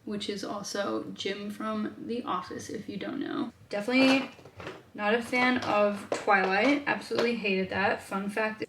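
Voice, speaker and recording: A woman's voice: medium pitch, slight background noise. A young woman from Australia, chatting casually as a vlogger and answering viewer questions, thinking aloud with lots of fillers. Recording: roomy echo.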